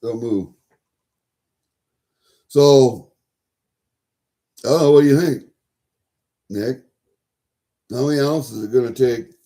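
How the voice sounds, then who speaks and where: A man chatting casually to viewers as a livestream host, folksy and sweary, thinking out loud as he goes. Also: mid-range voice. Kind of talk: casual rambling chat to viewers.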